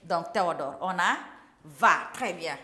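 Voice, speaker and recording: A woman's voice: lowish voice, expressive, takes it slowly, pushed and bright. A woman teaching a primary class, drawing out and repeating words for young pupils. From Senegal. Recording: echoey classroom.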